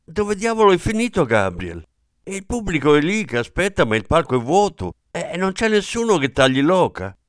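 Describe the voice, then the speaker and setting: A man reading the part of a flustered elderly aunt, loud and fretful, calling out for her nephew. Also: on the high side, very animated, normal speed, smooth, dry recording, clean studio sound, pitched above the performer's own voice. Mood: frantic.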